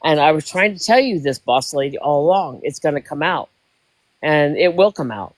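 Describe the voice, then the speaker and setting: A woman's voice: deep voice, lively intonation, normal speed, no echo. A woman in her sixties, a livestream guest, telling a story in casual chat, emotional and rambling, often repeating herself. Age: 60s.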